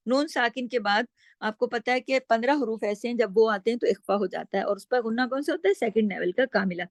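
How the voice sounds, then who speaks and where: A woman with a fairly high voice teaches Quran recitation in a calm, step-by-step lesson. She patiently explains each sound and demonstrates it herself. Her voice is close and dry, with no room echo. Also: fairly quick.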